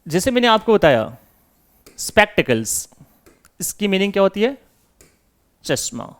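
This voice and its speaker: A man's voice: high voice, big pitch swings, moderate pace, fairly bright tone. A man teaching English grammar in Hindi, asking and answering his own questions as if voicing his students. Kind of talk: classroom lesson.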